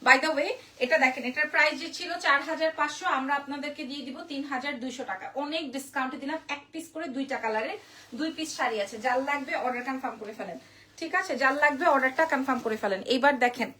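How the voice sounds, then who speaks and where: A woman from Bangladesh running a live sales stream for her saree shop, chatting fast and greeting viewers by name. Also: high voice, bright, forceful tone.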